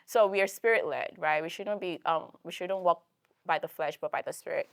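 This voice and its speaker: A woman's voice: on the low side, brisk, dry recording, clean studio sound. A young woman giving a casual church workshop talk, chatty, full of fillers and tag questions. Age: young adult.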